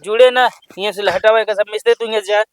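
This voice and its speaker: A man's voice: high-pitched, steady tone, fast, slight background noise, natural voice. A man playing a hostile, threatening village neighbour in a comedy skit, barking short demands in an Awadhi accent. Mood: confrontational.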